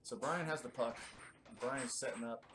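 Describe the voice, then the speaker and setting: A man's voice: medium pitch, moderate pace, noisy background. A man, giving casual, chatty live play-by-play commentary with many fillers.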